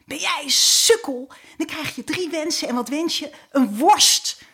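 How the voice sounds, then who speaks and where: A woman's voice: high-pitched, a little slow, a bit bright, voice pushed up. A woman storyteller voicing a furious wife in a fairy tale, shrieking and scolding at her husband. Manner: screeching, scolding. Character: shrill furious wife, later weeping.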